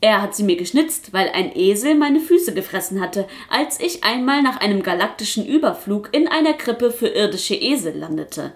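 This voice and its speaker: A woman voicing a talkative, boastful little male Kasper puppet in a storybook reading, chattering excitedly and insisting on getting his way. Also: medium pitch, normal speed, hardly any pauses. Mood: insistent.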